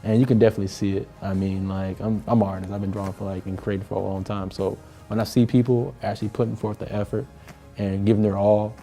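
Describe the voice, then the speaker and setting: A man's voice: fairly low pitch, little pitch movement, fast, mellow, soft background music. A man from Georgia with a Southern US accent, talking casually and colloquially in an interview. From Georgia, United States. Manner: informal, colloquial phrasing. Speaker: artist, event attendee.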